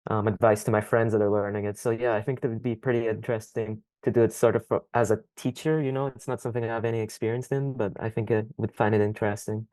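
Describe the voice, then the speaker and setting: A young man answering interview questions thoughtfully, pausing often with ums. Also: fairly low pitch, flat delivery, darkish tone, dry recording. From Scotland. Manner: thoughtful, hesitant, frequent ums. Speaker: podcast guest.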